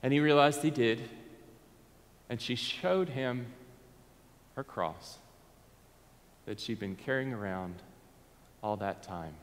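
A man in his thirties with a Southern US accent, preaching a sermon from the pulpit of a church sanctuary, earnest and dropping to a soft hush on key words. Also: fairly low pitch. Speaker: pastor. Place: church sanctuary, in front of a Christmas tree. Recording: long hall reverb.

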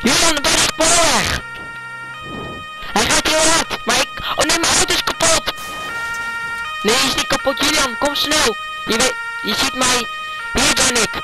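A male vlogger giving live gaming commentary, making urgent, hurried calls to a teammate. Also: extremely high pitch, over loud music, low-quality recording.

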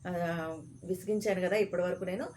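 A woman's voice: fairly low pitch, little pitch movement, fairly quick, warm tone, a little hiss or hum, natural voice. A woman voicing a naive, fussy young man who asks earnest, pleading questions. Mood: fretful.

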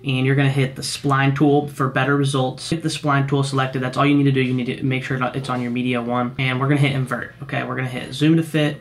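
A young man records a screen tutorial from his home desk, talking through each step at a middling pitch. His delivery is casual and instructive, with slangy asides between the technical directions. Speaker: video editing tutor.

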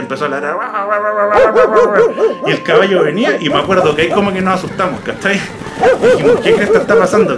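A Chilean man casually telling a personal ghost story, lively and full of slang, imitating sounds as he goes. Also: a little high. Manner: animated, imitates barks and hoofbeats, slangy. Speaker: YouTuber telling ghost stories.

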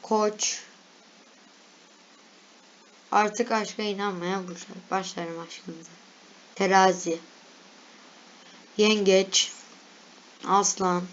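Young woman vlogger, casual chatty reactions, mid pitch, slightly dull recording. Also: steady tone, takes it slowly, pauses often. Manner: chatty, reads lists aloud, laughs at herself.

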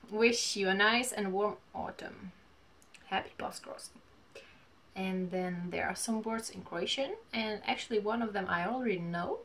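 A woman in her twenties chatting casually while opening mail at home, gushing and reading letters aloud haltingly. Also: medium pitch, fairly bright tone, a little hiss or hum. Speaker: vlogger. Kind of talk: casual unboxing chat. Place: small home room, indoors.

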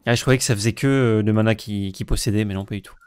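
A man co-hosting a card-game stream in casual chat, animated and self-mocking as he plays. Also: lowish voice, fast, clear, resonant tone, no room sound. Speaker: co-host, player.

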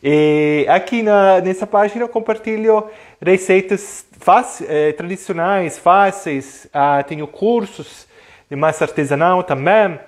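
A man's voice: high-pitched, measured pace. A man in his thirties with an Italian accent, a native Italian speaker, giving a casual, chatty, hesitant live cooking lesson. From Italy. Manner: chatty and hesitant, mixing Italian greetings into talk. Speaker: online cooking class host. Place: home kitchen, indoors. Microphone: clip-on lapel mic.

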